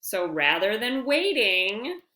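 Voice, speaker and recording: A woman's medium-pitched voice carries a roomy sound as she reads a picture book aloud to young children. She adds friendly asides, and her phrasing stays expressive and deliberate.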